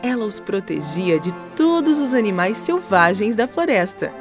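A woman narrating a cartoon story for children in an expressive, animated storytelling manner. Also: mid-range voice, normal speed. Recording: narration with music underneath.

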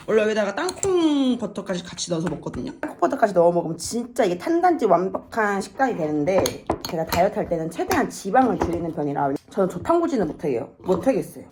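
A young woman in her twenties chatting casually in a vlog, telling stories with expressive swings in her voice. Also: fairly low pitch, background noise. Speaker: vlogger.

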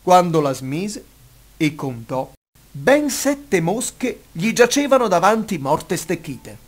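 Lively man narrating a bedtime fairy tale. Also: high-pitched, takes it slowly. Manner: expressive, lively storytelling. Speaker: storyteller. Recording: narration over soft instrumental music.

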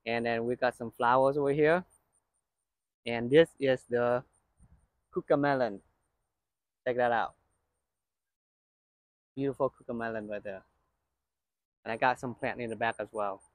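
A gardening channel host films a casual walkthrough of his outdoor vegetable garden on a handheld phone, harvesting as he goes. His medium-pitched voice has no echo, and he's relaxed and chatty, pointing things out while walking and picking.

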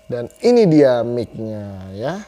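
Young adult male, chatty YouTuber reviewer, mid-pitched, repeats phrases for emphasis, clip-on mic. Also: sing-song, slow pace, music in the background. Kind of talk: casual product review to camera. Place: small room indoors. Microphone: clip-on lapel mic.

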